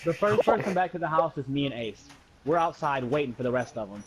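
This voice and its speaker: In a dull lo-fi recording with a slight hiss or hum, a young American man with a higher voice rattles off a casual story to his friends. He talks fast with lively intonation, using slang and acting out the dialogue.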